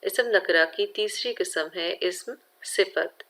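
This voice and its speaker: Female schoolteacher with a Pakistani Urdu accent, lowish voice, slow and methodical delivery for a recorded children's lesson. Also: a bit bright. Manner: slow, careful explaining, addresses students directly.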